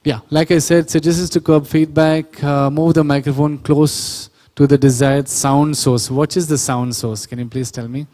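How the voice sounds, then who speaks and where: A man's voice: on the high side, fairly even intonation, normal speed, few pauses, warm tone, long reverb tail. A man giving a workshop lecture on sound engineering, explaining step by step, correcting himself and quizzing the audience. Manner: explanatory, self-correcting, asks the audience questions. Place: church hall or auditorium.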